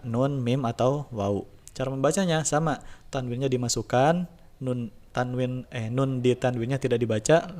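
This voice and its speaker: A man teaching a tajwid lesson, in a relaxed explaining voice, slowly drawing out recitation examples. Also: mid-range voice. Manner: slow drawn-out recitation demos between relaxed explanations. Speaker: religion teacher.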